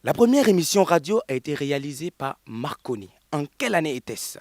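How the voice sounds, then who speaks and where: Burkinabè village radio quiz host, high voice, swoops up and down a lot. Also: male voice, big pitch swings, a little fast, a little mellow. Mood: announcing. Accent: Burkinabè French. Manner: announcing, prone to laughing.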